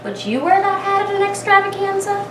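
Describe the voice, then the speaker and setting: In an echoey room recorded from a distant mic, with clear background noise, a woman reads a picture book aloud like a kindergarten teacher. Her high, very animated voice builds suspense with dramatic pauses, and she thinks aloud for her small audience.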